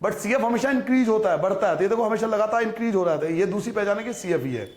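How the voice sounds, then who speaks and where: A man's voice: high voice, animated, quick pace, darkish tone, slight background noise. A man teaching a maths lesson, patiently repeating each step and asking his students rhetorical questions. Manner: patient, repetitive explaining, addresses students as beta. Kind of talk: recorded classroom lesson. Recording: echoey room.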